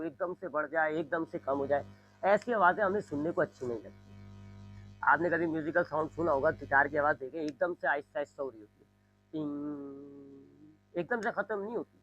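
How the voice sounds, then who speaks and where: A man teaching a physics lesson, explaining slowly and repeating his points, now and then imitating sounds. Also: on the high side, pushed and bright, lo-fi sound. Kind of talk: classroom lecture.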